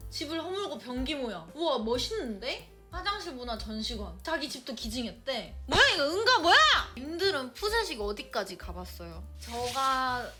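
Young woman streamer, high and animated, chatty and teasing, over background music. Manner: chatty, quick exclamations and teasing. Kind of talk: casual reaction chat.

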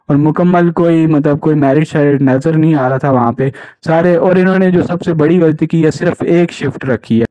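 A man's voice: a little high, dark tone, dry recording. A young man, indignantly recounting his experience as a jobs channel host and often checking in with "right?". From Pakistan. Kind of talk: casual first-person account to camera. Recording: dull lo-fi recording.

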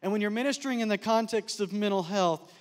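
A middle-aged man telling stories in a chapel talk, animated and joking with the audience. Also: high-pitched, fast. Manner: animated storyteller, jokes and laughs with the crowd. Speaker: speaker, counselor. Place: large chapel. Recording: long hall reverb.

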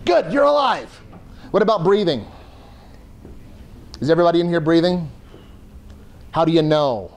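A man's voice: on the high side, expressive, moderate pace, pauses often, a little mellow. A man teaching a first aid class to a room, conversational and joking as he explains. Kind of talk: classroom lecture.

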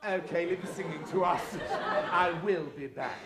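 A man's voice: sits high, a crowd in the background, lightly acted. A man playing a flamboyant, boastful tooth fairy godmother as a pantomime dame, theatrical and grandiose, with a sinister edge. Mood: sly, teasing. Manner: theatrical, grandiose, drawn-out delivery. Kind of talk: live stage pantomime monologue with audience banter. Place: large theatre stage, indoors. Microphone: distant camera in the audience. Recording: echoey noisy theatre recorded from the audience.

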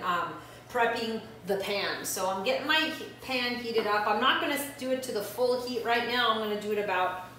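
A woman's voice: mid-range voice, a bit bright, far from the mic. Woman in her thirties, chatty cooking demo, home kitchen, roomy echo, voice a bit off-mic. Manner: chatty, instructive, talks while working. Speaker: guest chef. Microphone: camera across the kitchen. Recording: echoey kitchen, voice from off-mic, faint noise.

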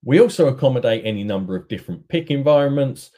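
A middle-aged man giving a steady, rehearsed sales presentation at an online conference, talking to his webcam from an indoor room. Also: mid-range voice, quick pace. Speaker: business development manager.

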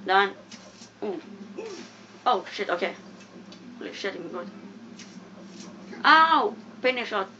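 A young woman giving casual, excitable commentary while playing a game, mumbling one moment and yelping the next. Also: medium pitch, measured pace, long pauses. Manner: excitable, giggly, swings from mumbling to loud yelps. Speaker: gamer. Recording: dull lo-fi home recording with faint noise.

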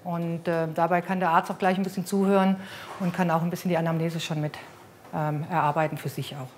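A woman's voice: fairly low pitch, level tone, fairly quick, slight background noise. A middle-aged woman, a nurse in a hospital ward, speaking in a friendly, directive way. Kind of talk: instructing patients and interview.

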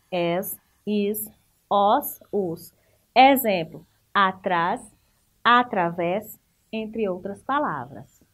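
A woman with a Brazilian Portuguese accent and a mid-range voice teaches a remote school lesson, explaining things step by step, asking the class questions, and praising their answers.

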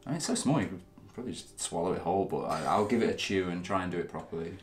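Deep-voiced chatty man, echoey room. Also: lively intonation, racing. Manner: chatty, self-deprecating, talks with mouth full. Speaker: channel host. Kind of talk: casual chat while eating.

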